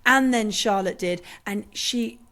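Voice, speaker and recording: A woman co-hosting a podcast, recounting events in a quick, animated way. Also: mid-range voice. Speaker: podcast co-host. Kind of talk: casual chat. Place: at the Winter Olympics.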